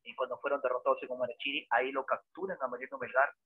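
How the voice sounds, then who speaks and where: A man, a history teacher giving a lively lecture full of dramatic storytelling and rhetorical questions, heard over a tinny phone-like line. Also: medium pitch, fast talker, breathy edge, no room sound. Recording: dry, tinny phone-like sound.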